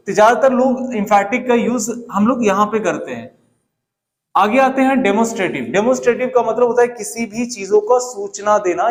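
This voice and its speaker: A man with a fairly high voice teaches grammar to his class. He keeps asking questions, then answers them himself. He slows right down on every English example sentence. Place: classroom with a whiteboard.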